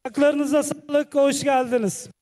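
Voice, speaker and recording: A man giving a formal thank-you speech at a festival, in deliberate short phrases. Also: very high voice, little pitch movement, mellow, slight background noise. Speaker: local speaker at a wrestling festival.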